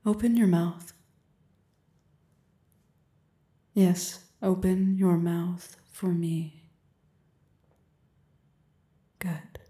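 Casting: an imperious, seductive queen played by a woman, flat, mellow, slow delivery with frequent whispers, roomy echo. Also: on the low side. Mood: sultry, commanding. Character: commanding, seductive adult queen on her throne. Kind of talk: audio roleplay.

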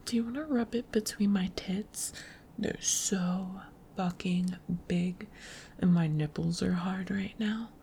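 A young woman whispering softly in an intimate audio roleplay, unhurried and teasing. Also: medium pitch, gravelly, slight background noise. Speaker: adult audio creator.

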